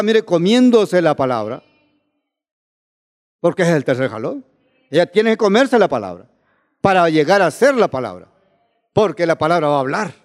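Male preacher, mid-high voice, keeps questioning the congregation, recorded in a reverberant church hall. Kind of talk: sermon.

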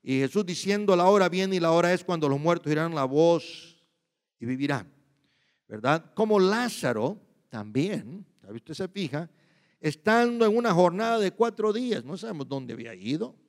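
A man's voice: a little high, animated, normal speed. A man preaching a sermon in emphatic bursts, often repeating himself and checking with listeners. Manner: emphatic, shifts between loud and quiet. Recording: long hall reverb.

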